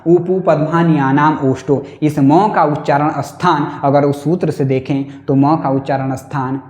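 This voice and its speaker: A male teacher giving an exam-prep lesson, repeating each point slowly and asking questions that he answers himself. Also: a little high, level tone, darkish tone, echoey room. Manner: slow and repetitive, asks and answers own questions.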